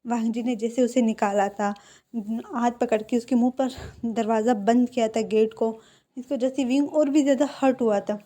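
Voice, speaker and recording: A woman tells a fan fiction story in a casual, chatty manner and talks straight to her audience. Her voice sits a little high yet sounds mellow and soft. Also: steady tone, moderate pace. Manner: chatty, addresses viewers directly.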